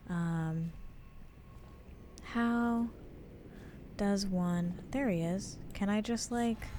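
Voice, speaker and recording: A woman's voice: mid-range voice, dark tone, a little hiss or hum. A woman giving chatty gameplay commentary as a let's play host, talking herself through things in a flustered way. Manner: chatty, flustered self-talk.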